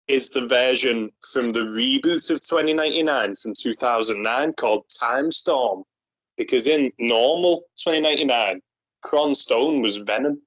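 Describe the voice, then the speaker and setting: A man's voice: medium pitch, a bit bright, no room sound, poor audio. A man co-hosting a podcast in a laid-back, casual chat, swearing freely, his voice run through a robot filter. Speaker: podcast co-host.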